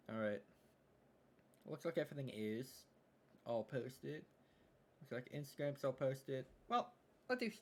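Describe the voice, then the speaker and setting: A young man streaming live, chatting casually and thinking aloud as he works on a game, often trailing off into mumbles. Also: medium pitch.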